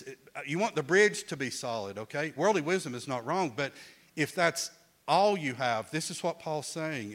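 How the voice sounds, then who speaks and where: A middle-aged man leads a Bible class in a loose, conversational manner. He often repeats words as he restarts a thought and turns to his listeners with questions. His voice sits at an ordinary pitch for a man. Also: fairly bright tone.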